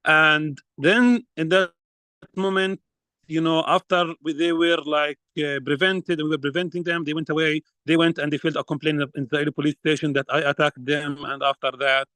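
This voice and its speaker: Earnest man with halting English. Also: fairly high pitch, level tone, sharp tone, no echo, rough recording. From Palestine. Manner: earnest, halting with many fillers. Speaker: field researcher speaking at a press conference. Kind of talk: prepared statement at a press conference.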